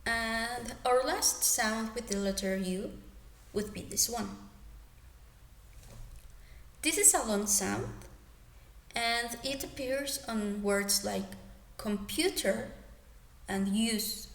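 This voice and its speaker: Slow, careful young woman teaching pronunciation. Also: fairly high pitch, fairly bright tone. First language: Spanish. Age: young adult. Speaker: student presenter. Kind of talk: pronunciation lesson. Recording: echoey room.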